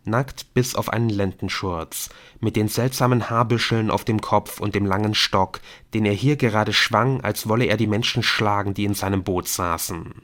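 A man reading an audiobook in calm, measured narration. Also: fairly low pitch. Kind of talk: scripted narration.

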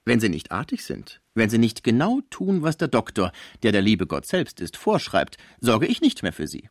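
A man reading aloud and voicing a nosy, chattering middle-aged concierge woman who scolds and gossips in a high, shrill voice. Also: huge pitch swings, moderate pace, dry recording, studio quality, heavily acted. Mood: scolding. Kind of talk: radio book reading.

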